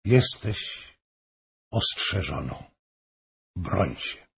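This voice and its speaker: A man reading an audiobook, voicing a pale, weak, grieving noblewoman who pleads and warns slowly and solemnly. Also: sits low, sing-song, vocal fry, fairly bright tone, breathy edge, exaggerated voice. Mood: solemn warning.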